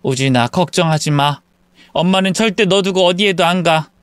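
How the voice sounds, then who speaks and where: A man voicing a middle-aged mother who softly reassures her son. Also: high-pitched, normal speed, smooth, no echo, pitched above the performer's own voice. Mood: soothing. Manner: soft, reassuring.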